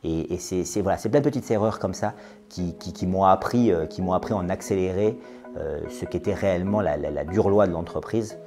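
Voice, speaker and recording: Over music, a French business owner in his late thirties talks briskly in a low voice as a podcast interview guest. He hesitates a lot, using plenty of fillers and repeating words.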